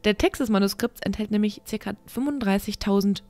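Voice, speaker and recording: A woman's voice: medium pitch, brisk, a little mellow, no echo. A woman podcast host reads a researched script and breaks off into frank, self-deprecating asides to her listeners.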